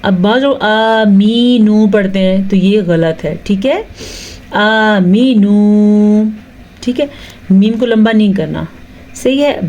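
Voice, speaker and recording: A woman teaching Quran recitation rules, explaining slowly, reciting drawn-out examples and asking if the point is clear. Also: mid-range voice, dark tone. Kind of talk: tajweed lesson with recitation.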